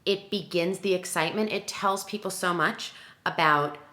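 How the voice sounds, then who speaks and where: In a reverberant space, a woman wedding planner walks through a tutorial at normal speed, her low voice pushed and bright. Emphatic in manner, she asks herself questions, answers them, and talks examples out loud.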